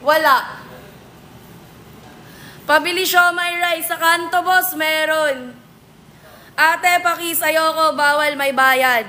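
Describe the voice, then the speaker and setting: A woman's voice: sits high, steady tone, slow pace, long pauses, sharp tone. A woman hosting a casual live stream, answering viewer comments with playful, teasing comebacks. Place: billiards venue.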